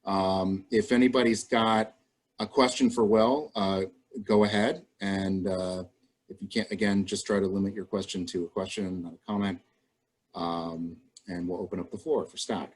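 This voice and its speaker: A man's voice: sits low, fairly even intonation, moderate pace. A man moderating an online endorsement forum on a video call, polite and procedural.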